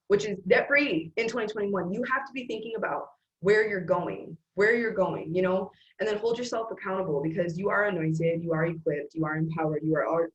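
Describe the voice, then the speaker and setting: A woman's voice: mid-range voice, a bit bright, muffled recording. A woman in casual motivational chat, emphatic and preachy, quoting scripture and urging listeners to speak life over themselves.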